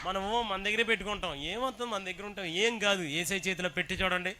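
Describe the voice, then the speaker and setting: పెద్ద గొంతుతో ఉద్వేగంగా బోధించే బోధకుడు. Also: male voice, high voice, fast, slight background noise. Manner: shouts praises and urges the congregation to respond loudly. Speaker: preacher. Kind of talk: sermon with call-and-response.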